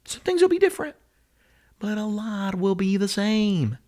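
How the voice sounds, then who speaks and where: Man in his thirties, guitar gear host, casual rambling monologue, lively swooping pitch, opinionated. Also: normal speed. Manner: animated, opinionated, with frequent fillers and self-corrections.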